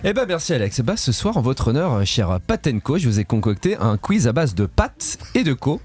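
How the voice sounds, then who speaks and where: A man's voice: mid-range voice, sing-song, fairly quick, darkish tone, slightly rough. A man from Switzerland, presenting a playful, punning radio quiz segment in a studio. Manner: playful, punning, laughs at his own jokes.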